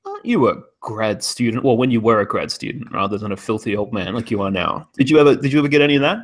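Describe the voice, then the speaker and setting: A man's voice: medium pitch, rapid-fire. A man co-hosting a podcast in casual chat, ranting sardonically and swearing freely. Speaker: podcast co-host.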